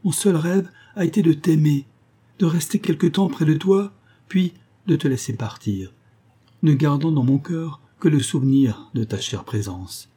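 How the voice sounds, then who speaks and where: A man's voice: a little high, unhurried, dark tone, husky, pitched above the performer's own voice. A man reading aloud voices a frightened, tender young woman who pleads with her lover. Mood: pleading.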